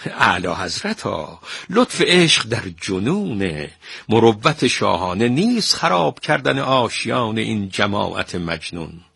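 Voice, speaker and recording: A man voicing an anxious, flattering court minister who pleads and warns, husky and sharp. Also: fairly low pitch, no room sound, exaggerated voice. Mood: fawning.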